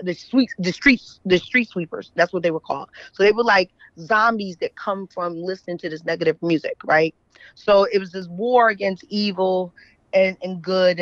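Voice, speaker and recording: An author and editor from Philadelphia tells stories casually as an interview guest, often checking in with "right?" in a conversational way. Her voice is lowish and the recording is dry, with dull, lo-fi audio.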